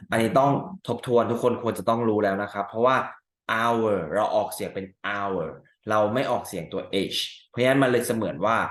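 A male teacher walking through exam answers step by step, asking rhetorical questions and reading example sentences slowly. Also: lowish voice, echoey room. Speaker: English teacher. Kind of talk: exam answer walkthrough lesson.

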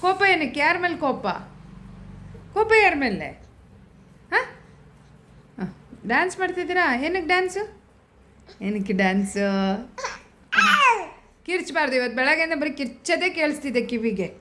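High, sing-song woman. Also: animated, fairly quick, long pauses, bright, forceful tone, a little hiss or hum. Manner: sing-song, teasing, soothing. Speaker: family member talking to a baby. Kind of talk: coaxing baby talk.

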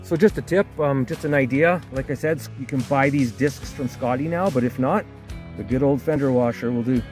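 Relaxed male vlog host, outdoors on a lake, explaining tackle, music bed behind. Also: mid-range voice, moderate pace. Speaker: fly fishing show host. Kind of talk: casual outdoor vlog talk.

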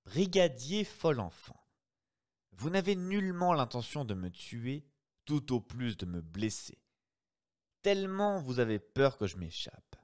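A man reading aloud voices a grandiloquent, teasing gentleman thief who talks with showy, swinging pitch. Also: a little slow. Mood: mocking. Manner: theatrical and teasing, with lively swings.

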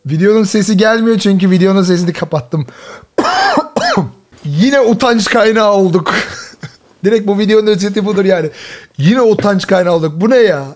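High-voiced man telling a fight story. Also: moderate pace. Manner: animated, laughs often, uses slangy exclamations. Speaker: host and jiu-jitsu athlete. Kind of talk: casual reaction commentary and storytelling.

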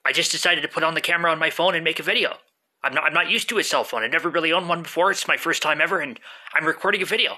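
A man's voice: on the high side, rapid-fire, pushed and bright, slightly rough, full character voice. A man arguing with himself in a comic skit, playing a proud, easily hurt and defiant guy who repeats himself indignantly. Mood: pleased. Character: proud, hurt, defiant novice phone video maker. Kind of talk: comic self-argument skit. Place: small room indoors. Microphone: phone at arm's length.

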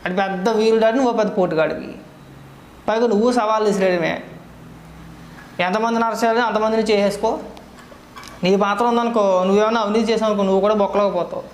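A man giving heated political commentary, scolding his target with rapid rhetorical questions. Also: high-pitched, fairly even intonation, reverberant, a little hiss or hum.

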